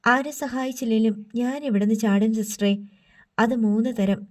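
Defiant wounded young male convict, pleads then threatens escape, slightly high; read by a woman narrator, distant audiobook mic. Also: steady tone, normal speed, a little mellow, close to an everyday voice. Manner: pleading then vowing revenge.

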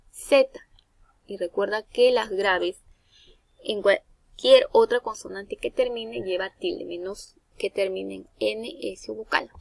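A woman teacher with a Peruvian Spanish accent, slowly giving a grammar lesson to young children, counting syllables and praising them. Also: medium pitch, vocal fry, husky, dry recording. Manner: slow, syllable-counting, encouraging. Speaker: primary school teacher.

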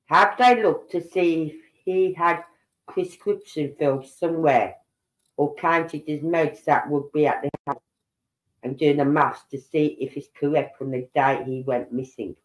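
An older man with a congested nose hosts a casual true-crime livestream from home, reading posts aloud and musing, rambling, and breaking off mid-sentence. His voice is a little high and steady, a bit slow, and the audio quality is poor.

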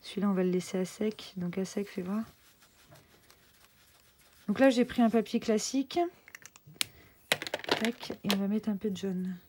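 Woman, casual unboxing vlog, chatty, excitable, home craft table, faint background noise. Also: mid-range voice, moderate pace, pauses often. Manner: chatty, excited, full of fillers and restarts. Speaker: craft vlogger.

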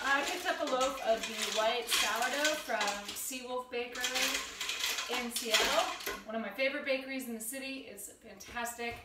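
Young woman host for a cooking tutorial: chatty, upbeat, a little high, recorded on a distant camera mic in an echoey home kitchen. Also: very noisy. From Washington State. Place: small home kitchen, indoors.

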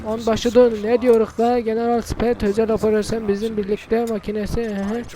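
A male gaming host giving casual gameplay commentary, brash and excitable, swearing and shouting at the characters on screen. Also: high-pitched, a little fast. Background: game music.

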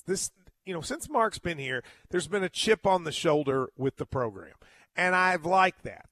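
A male sports host delivers a solo postgame monologue in a fairly high voice. The sound is very dry. He is emphatic, often stopping and repeating words as he makes his point. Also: a bit bright, dry recording.

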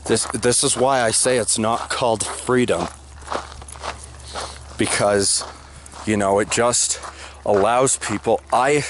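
Holding the camera low at arm's length, a young man from the United States airs his opinions while walking under an open sky. He speaks in a lowish voice, bluntly and insistently, going back over the same points as background noise comes through.

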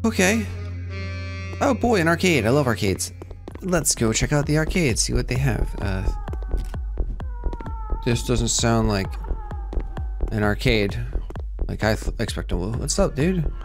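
A man's voice: mid-range voice, lively intonation, unhurried, long pauses. A man commenting on a horror game as he plays, jumpy and joking, talking back to the characters on screen. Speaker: let's play gamer. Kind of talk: playthrough commentary. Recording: game music playing behind. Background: clear game music.

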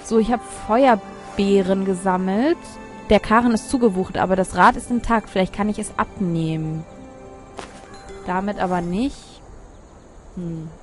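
A woman's voice: mid-range voice, measured pace, pauses often, faint music behind. Chatty woman doing gameplay commentary. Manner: chatty, reads game text aloud, muttering asides. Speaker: let's player.

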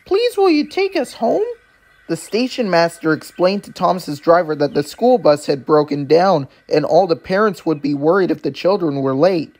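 A man narrating a children's story in a gentle, measured storybook style. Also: on the high side.

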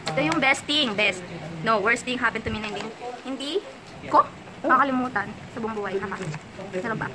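A Filipino woman vlogger in casual, teasing chat, quick to laugh. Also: a little high, crowd noise, rough recording.

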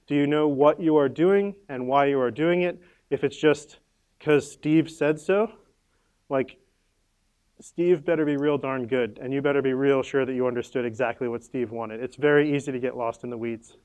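A man with a clear, resonant, mid-range voice and a darkish tone leads a conference workshop. He gives the audience instructions in a casual, upbeat way, filled with "like" fillers.

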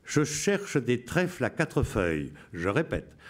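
A solemn wartime radio announcer, put on by a man in his seventies, declaims coded messages in a raised, lively voice. Each short phrase comes out measured and emphatic, then is repeated word for word. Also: medium pitch. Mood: declaiming.

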